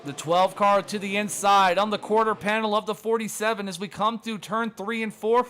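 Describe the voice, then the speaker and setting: A man giving fast, excited play-by-play commentary on a sim race, sounding breathless from calling the action. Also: sits high, slight background noise.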